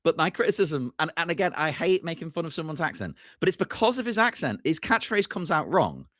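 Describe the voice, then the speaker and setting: A man's voice: on the high side, big pitch swings, brisk, sharp tone, no echo, clean studio sound. A man guesting on a podcast, chatting in a friendly, self-deprecating way with frequent laughs. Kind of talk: casual chat.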